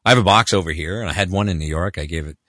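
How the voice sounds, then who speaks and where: A man who voices characters, telling animated anecdotes and acting out other people's voices. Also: rapid-fire, dry recording, studio quality. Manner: acts out other people's voices with big pitch jumps. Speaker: voice actor guest.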